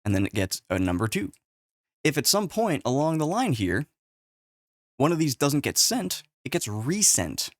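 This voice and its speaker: Fed-up man ranting through a tech explainer, lively pitch swings, dry close webcam sound. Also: moderate pace, no echo. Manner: profane, exasperated, animated. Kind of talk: casual whiteboard explainer. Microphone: webcam with face overlay.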